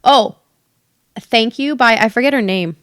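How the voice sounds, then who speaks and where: A young woman co-hosting a podcast, an animated storyteller who swears freely in casual chat. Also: a little high, measured pace, clean tone, no echo, clean studio sound. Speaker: podcast co-host.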